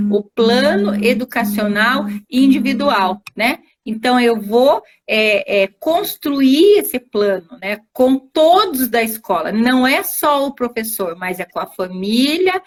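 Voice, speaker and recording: A woman with a high voice and wide pitch swings speaks slowly and rarely pauses. She's a teacher invited as a guest on a live-streamed video call, giving didactic interview answers that walk through examples step by step and frequently check in with tag questions.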